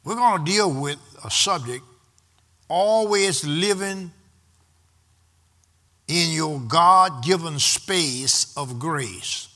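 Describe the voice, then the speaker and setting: A man's voice: fairly high pitch, expressive, very slow, pauses often, pushed and bright. A man preaching a sermon, in rhythmic repeated refrains that build in intensity. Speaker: pastor.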